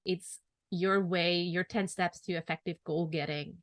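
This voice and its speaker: A woman's voice: lowish voice, steady tone, measured pace, dry recording. A woman hosting a podcast interview, affirming her guest with frequent fillers. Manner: affirming, many fillers like "like" and "mm-hmm". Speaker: podcast host. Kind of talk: casual interview chat.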